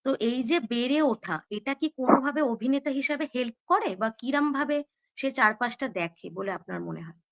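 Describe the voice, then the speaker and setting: High-voiced woman asking questions. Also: expressive, moderate pace, dry recording. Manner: hesitant, searching for words. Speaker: interviewer. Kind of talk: interview questions. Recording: muffled recording with clear background noise.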